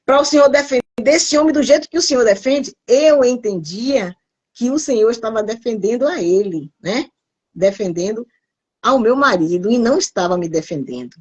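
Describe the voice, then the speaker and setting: A middle-aged woman preaching on a live stream in a slightly high voice. She tells her testimony with deep emotion and repeats phrases for emphasis. At times her voice nearly breaks into tears. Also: lively intonation, moderate pace, a little mellow, muffled recording. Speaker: pastor.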